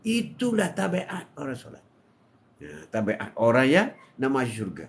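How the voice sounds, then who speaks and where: An older man with a Malaysian Malay accent giving a live religious talk, swinging between loud, high exhortation and low murmurs. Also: wildly swooping pitch, normal speed. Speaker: religious speaker.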